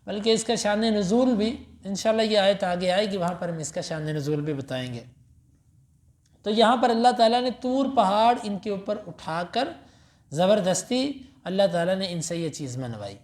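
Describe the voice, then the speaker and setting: A man from Pakistan, a mufti giving a Quran lesson after evening prayer, emphatic, reciting Arabic verses slowly and then explaining them. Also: high voice, expressive, darkish tone. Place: mosque. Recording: echoey mosque hall.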